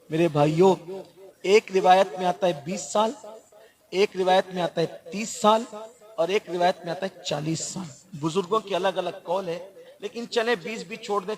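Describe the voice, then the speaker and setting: High-voiced weeping preacher, impassioned. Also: male voice. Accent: North Indian Urdu-Hindi. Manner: impassioned, rising to cries and falling to near-sobbing hushes. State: weeping at times. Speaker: Islamic preacher. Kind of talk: emotional sermon.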